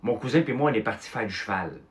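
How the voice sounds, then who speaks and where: A Québécois man in his fifties or older, telling childhood stories in casual chat, animated, with mild swearing and filler words. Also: medium pitch, fast. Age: 50s or older. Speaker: host.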